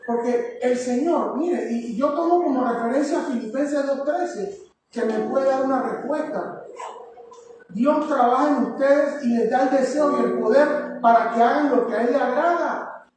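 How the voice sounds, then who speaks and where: A woman's voice: high-pitched, moderate pace, a little mellow, slight background noise. A woman with a Panamanian accent preaching a sermon, emphatic and exhorting, repeating her appeals to the listeners. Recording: echoey hall from far off with music.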